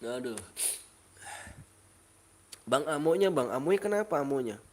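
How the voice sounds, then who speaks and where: Game streamer, male, Betawi Jakarta accent, stuffy with a cold, reads chat aloud and counts down fast. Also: fairly high pitch, expressive, a little mellow, a little hiss or hum. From Indonesia. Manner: reads viewer comments aloud, counts down quickly. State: sick with a cold. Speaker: game livestreamer. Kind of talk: casual livestream chat.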